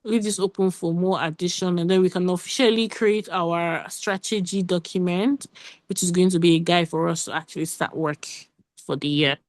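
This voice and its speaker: Meeting lead, woman, lower voice, quick run-on delivery, dry video-call audio. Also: steady tone, dry recording. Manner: quick, run-on talk with restarts. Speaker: working group meeting lead. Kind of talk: casual meeting update.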